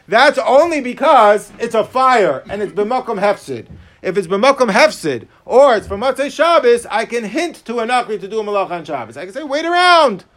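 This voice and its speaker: A man's voice: sits high, expressive, normal speed, a bit bright. An American man teaching religious law as a rabbi, with a Yiddish- and Hebrew-peppered yeshiva way of speaking, animatedly acting out little hypothetical exchanges. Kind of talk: religious law lecture with questions from students.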